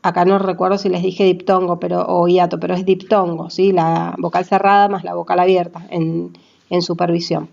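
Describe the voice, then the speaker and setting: A woman's voice: on the low side, level tone, normal speed, vocal fry, a little mellow, highs cut off. A woman language teacher explaining grammar in a classroom manner. She spells out letters and syllables one by one and checks in with her listeners.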